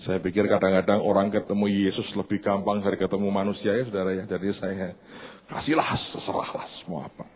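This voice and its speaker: A man pastor preaching a sermon in a church, telling a story in an animated way and speaking directly to the congregation. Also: low-pitched, fast talker. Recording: tinny phone-like sound.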